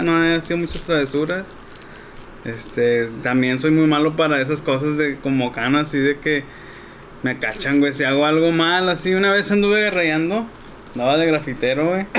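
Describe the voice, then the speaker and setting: A man rambles through a story full of street slang. His voice is high for a man, with a faint hiss of noise behind it. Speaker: podcast co-host. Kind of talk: casual chat, storytelling.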